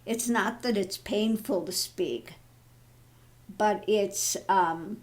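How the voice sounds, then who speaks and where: An older woman in her early 70s rambles along slowly in an easygoing personal chat, her voice lowered and tiring easily since her thyroid surgery. She vlogs online and reads tarot, and she takes it all with good humour, laughing at her own troubles.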